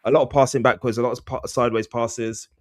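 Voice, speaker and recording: A man's voice: medium pitch, fairly even intonation, fast, no room sound, studio quality. A man hosting a casual football podcast, rambling with restarts and admitting he is slurring his words. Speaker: podcast host.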